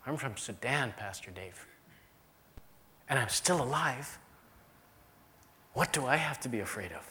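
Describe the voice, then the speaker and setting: Storytelling pastor preaching a sermon. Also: male voice, mid-range voice, expressive, unhurried, long pauses, pushed and bright. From United States. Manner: storytelling with emphatic repetition.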